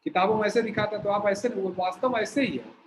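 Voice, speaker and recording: A man teaching a yoga breathing exercise, explaining slowly while he shows each step. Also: high-pitched, a little hiss or hum, rough recording. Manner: slow, explanatory, shows movements while talking.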